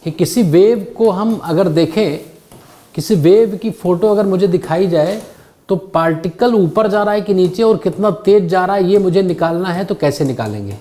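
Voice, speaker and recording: Male physics teacher, warm and mellow, lecturing a classroom with frequent questions to students. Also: high-pitched, moderate pace. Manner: patient, keeps quizzing students.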